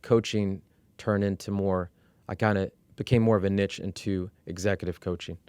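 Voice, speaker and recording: A middle-aged man from Iran, working as an executive coach, telling his life story as a guest in a candid, measured way, with fillers and restarts. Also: deep voice, fairly even intonation, a little mellow, smooth, dry recording. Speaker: interview guest.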